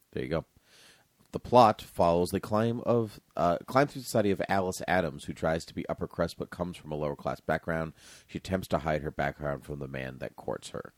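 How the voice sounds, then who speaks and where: A man's voice: extremely low pitch, no room sound. A man co-hosting a casual movie chat, joking and blunt, often restarting his sentences. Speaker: podcast co-host.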